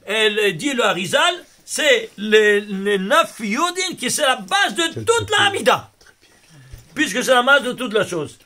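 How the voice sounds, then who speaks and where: A man teaching as a rabbi, his voice set high and bright. He works through numbers with animated exclamations and talks directly to the people in front of him. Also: measured pace. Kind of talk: Torah lesson on gematria.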